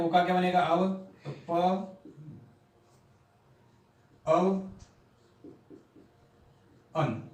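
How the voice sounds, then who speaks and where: In an echoey room and recorded from afar, a high-pitched man teaches a grammar lesson at a board. He takes it slowly, step by step, voicing syllables one at a time.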